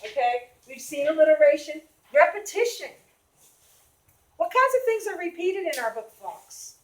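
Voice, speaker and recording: A woman's voice: high voice, sing-song, moderate pace. A woman from the Boston area with a Boston accent, teaching a reading lesson in a classroom and calling on students by name with questions. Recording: echoey classroom.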